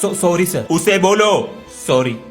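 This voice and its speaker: Guy doing funny family sketches, high bright voice, jumps between kid and dad voices, light music behind. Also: lively intonation, a little slow. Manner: switches between kid and adult voices, bantering. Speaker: comedy sketch creator. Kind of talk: comic skits playing several family roles.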